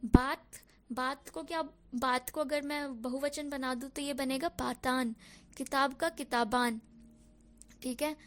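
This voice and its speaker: A woman's voice: high voice, fairly even intonation, slow pace. A young woman teaching a language lesson, explaining step by step and often checking in with short asides. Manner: mixes English words into Hindi, checks in with "ok" and "theek hai".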